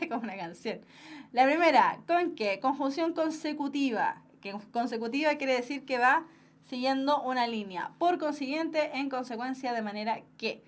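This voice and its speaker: A woman's voice: high-pitched, moderate pace. A young woman with a Chilean Spanish accent teaching an online exam-prep grammar class, explaining step by step and checking in with her students. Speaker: language teacher.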